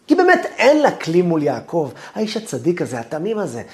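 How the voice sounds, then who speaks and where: A man, a rabbi, giving a Torah lesson who acts out angry inner voices and lets his phrase ends sink low and soft. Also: wildly swooping pitch. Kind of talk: Torah lesson on the weekly portion.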